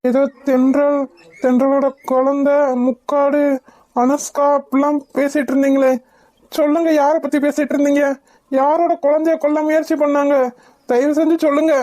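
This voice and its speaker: A woman's voice: high voice, flat delivery, normal speed, dark tone, no echo, close to an everyday voice. Woman voicing a tearful, grieving cartoon husband. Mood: pleading. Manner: sorrowful, pleading. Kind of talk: Tamil cartoon voice acting.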